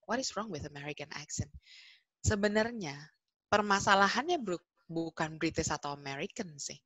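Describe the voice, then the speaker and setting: A woman English tutor answering webinar questions in a chatty, animated way, often correcting herself. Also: on the low side, normal speed, dry recording, low-quality recording.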